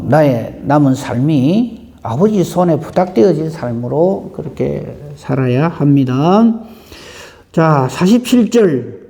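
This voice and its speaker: A man preaching a dawn prayer sermon in a conversational way, often clearing his throat and asking the congregation questions. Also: fairly high pitch, mellow, big-room sound. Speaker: pastor.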